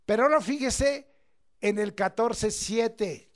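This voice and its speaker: A man preaching a church sermon, emphatic, swinging between loud declamation and low asides and drawing out key words. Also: slow. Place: church service.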